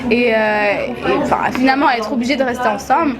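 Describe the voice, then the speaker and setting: A woman's voice: on the high side, quick pace, over a noisy crowd. A young woman in a documentary interview, speaking hesitantly with many restarts. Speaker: dance group member. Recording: music loud behind.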